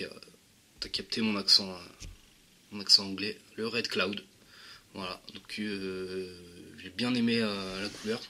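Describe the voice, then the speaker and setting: A man giving a casual product review, talking in a slangy, halting way with many restarts. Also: lowish voice, sharp tone. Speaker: vape juice reviewer.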